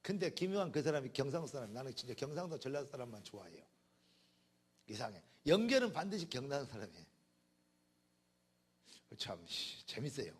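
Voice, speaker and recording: A man preaching a sermon as pastor, in a Jeolla dialect, swinging between loud emphatic declarations and quiet conversational asides. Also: mid-range voice, sing-song, fairly quick, long pauses, husky.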